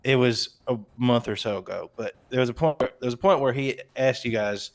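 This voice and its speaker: Brief: male roleplayer as a biker, mid-pitched, blunt and profane, goading. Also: fairly quick. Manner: blunt and profane, egging the other man on. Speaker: fellow biker club member in a roleplay. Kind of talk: in-character casual chat.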